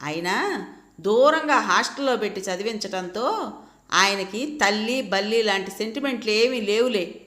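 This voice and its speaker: A woman voicing a hot-tempered grown daughter who talks in a rapid, indignant way, in an echoey room. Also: mid-range voice, lively intonation, fairly bright tone.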